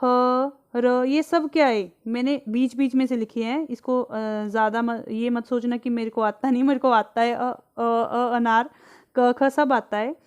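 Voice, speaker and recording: A high-voiced woman teaches a grammar lesson, slow and patient. She asks the class questions and answers them herself, drawing out each example word. Her voice is smooth and clear, recorded close and dry. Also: steady tone, no echo. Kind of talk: explaining English grammar in Hindi.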